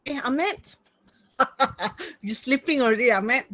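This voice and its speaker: A woman's voice: high voice, animated, takes it slowly, a bit bright, no echo. A woman with a Malaysian accent teaching an informal online class as a lecturer, speaking colloquial Malaysian English mixed with Malay words and particles like lah. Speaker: university lecturer. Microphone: computer video-call mic.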